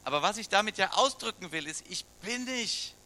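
Middle-aged German pastor, man, chatty sermon full of questions; bright, slightly high voice. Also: lively intonation, fairly quick. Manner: conversational, asks the congregation questions.

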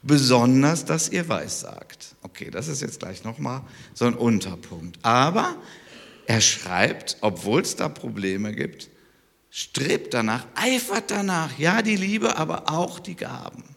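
A man's voice: medium pitch, big pitch swings, slow pace, vocal fry, a bit bright. A man preaching a sermon in a conversational, emphatic way, his stresses rising as he presses a point. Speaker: pastor. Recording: long hall reverb.

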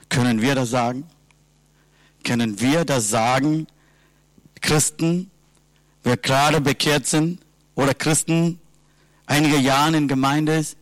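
Earnest, fairly high-voiced man preaching. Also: a bit bright, no room sound. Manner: earnest, asks repeated rhetorical questions; speaks in simple, halting sentences with slips. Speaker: lay preacher. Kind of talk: sermon.

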